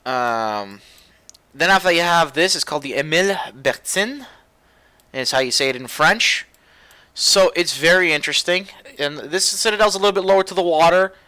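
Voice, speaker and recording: A young man giving casual, rambling gameplay commentary as a video host, getting loud and excited at times. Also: on the high side, brisk, clean tone, no echo. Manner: excitable, rambling, gets loud when animated.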